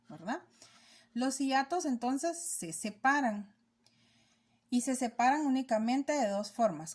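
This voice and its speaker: Patient woman teacher, slightly high voice. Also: a little mellow. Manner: patient, explanatory, checks understanding with rhetorical questions. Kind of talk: recorded classroom lesson.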